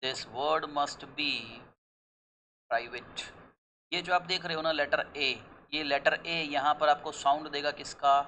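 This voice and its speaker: A young Indian-accented man teaches English pronunciation in a bright, fairly high voice, with faint noise under the recording. He moves slowly and deliberately through the English words, rushes the Hindi asides, and keeps asking his class questions that he answers himself. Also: steady tone, poor audio. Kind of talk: classroom lesson.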